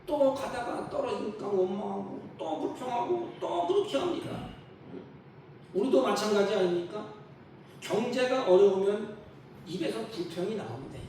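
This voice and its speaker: A man preaches a Sunday sermon in a high voice, acting out complaints in quoted lines. The sound is very echoey and distant, as if picked up from across a church sanctuary. A faint hum sits behind it. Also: warm tone. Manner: emphatic preaching, acting out the grumbling people's voices. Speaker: pastor.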